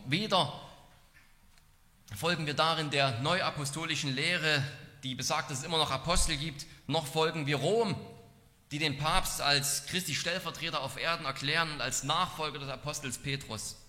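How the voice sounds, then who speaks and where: A man preaching an expository sermon in an earnest, measured way. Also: fairly high pitch, bright, forceful tone. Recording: long hall reverb.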